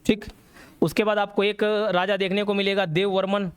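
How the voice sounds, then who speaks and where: A man's voice: sits high, little pitch movement, moderate pace, smooth, dry recording. A man teaching a classroom history lecture, telling the story and quizzing students as he goes. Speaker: exam coaching teacher.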